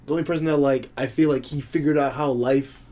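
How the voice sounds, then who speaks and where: A young man co-hosting a podcast, talking earnestly and haltingly in casual chat. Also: mid-range voice, fairly even intonation, mellow. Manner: earnest, halting, many fillers. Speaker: podcast co-host.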